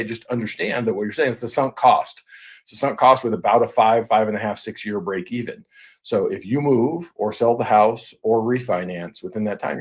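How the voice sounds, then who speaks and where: Husky low-voiced man, matter-of-fact lender. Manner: matter-of-fact, explains with client examples. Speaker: mortgage lender co-host. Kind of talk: casual explanatory talk.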